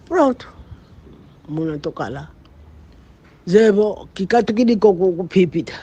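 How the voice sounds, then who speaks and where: A man, a student, reading a passage aloud haltingly and restarting words often. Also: high-pitched, dark tone, breathy edge, dull audio.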